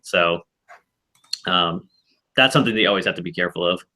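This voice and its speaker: A man's voice: deep voice, fairly quick, pushed and bright. A man hosting a casual online board game club, explaining rules and strategy in a rambling way with frequent restarts.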